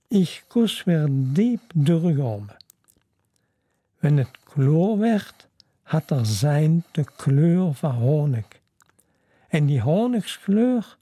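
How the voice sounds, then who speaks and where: Slow, dark-toned storybook narrator. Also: medium pitch, dry recording, clean studio sound.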